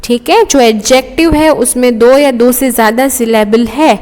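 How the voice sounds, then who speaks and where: A woman's voice: a little high, normal speed, a little mellow, big-room sound. A woman teaching a school grammar lesson, explaining step by step in Hindi and English and often checking with "okay?".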